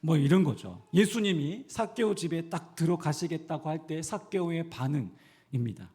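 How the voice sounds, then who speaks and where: A man's voice: a little high, normal speed, darkish tone. A male pastor from the Gyeongsang region, preaching a sermon in a church and putting questions to the congregation. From Gyeongsang region, Korea.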